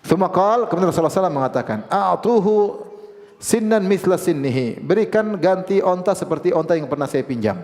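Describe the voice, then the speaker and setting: In a large hall, a man whose voice sits high speaks fast while delivering an Islamic lecture. The preacher tells stories in a lively way, acting out the voices of the people in them.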